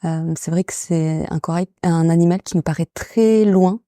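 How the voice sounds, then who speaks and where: Low, dark-voiced young woman, hesitant. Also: moderate pace, no echo, studio quality. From England, raised in France. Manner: hesitant, many fillers. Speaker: guest, association director. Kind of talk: casual interview.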